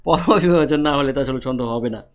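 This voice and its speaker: A male teacher from Bangladesh, giving an online lecture and often asking a question and answering it himself. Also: mid-range voice. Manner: repeats questions and answers them himself, spells out syllables slowly. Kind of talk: online lecture on Bengali prosody.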